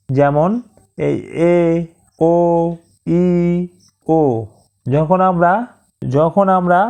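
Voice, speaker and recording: A woman teaching an English grammar lesson, speaking deliberately and drawing out example words syllable by syllable. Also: sits low, warm tone.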